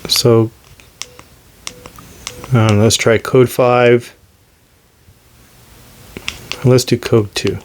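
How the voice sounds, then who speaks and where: A man demonstrating radio gear as host talks extremely slowly in a mid-range voice with little pitch movement, over a little hiss or hum. The demonstration is casual and hands-on, his delivery hesitant, unscripted and self-deprecating.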